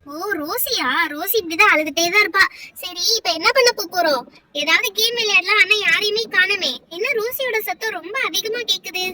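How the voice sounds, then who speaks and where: A woman's voice: extremely high pitch, fairly quick, a loud crowd. A woman with a Tamil accent narrating a doll play as a fussing, teasing mother who scolds the children.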